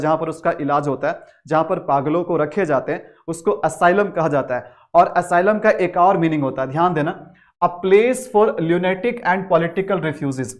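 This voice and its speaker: A man with a high voice gives an English vocabulary lesson. He keeps asking rhetorical questions and answers them himself. He reads the English definitions slowly and with care. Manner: repetitive, asks the class questions and answers them; mixes Hindi with English words and definitions. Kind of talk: explanatory lesson.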